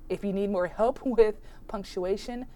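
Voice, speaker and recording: A woman's voice: mid-range voice, measured pace, dark tone. A woman hosting an informal instructional podcast, chatty and encouraging, spelling examples out carefully, her voice strained from being sick. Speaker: podcast host teaching punctuation.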